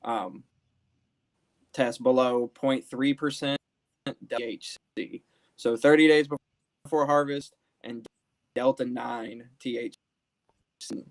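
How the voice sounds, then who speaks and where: A man interviewed as a hemp grower over a video call, talking haltingly with restarts while his audio keeps cutting in and out. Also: medium pitch, fairly even intonation. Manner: halting, restarts words often. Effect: choppy audio cutting in and out.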